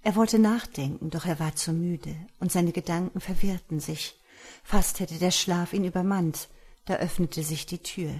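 Woman storyteller, low husky voice, measured dramatic reading. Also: a little mellow. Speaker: narrator. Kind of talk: storytelling audiobook narration.

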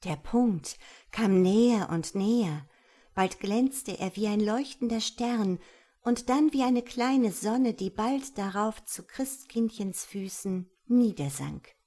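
A woman narrates a fairy tale in an expressive, lilting storybook style. Her voice sits in a middle range. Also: mid-range voice, slow. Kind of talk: storybook reading.

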